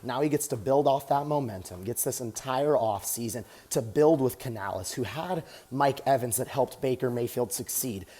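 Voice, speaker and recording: A man's voice: medium pitch, moderate pace, few pauses, dark tone, slightly rough. An American man giving enthusiastic, casual sports commentary as a vlog host while working out on a treadmill. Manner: talking while exercising on a treadmill.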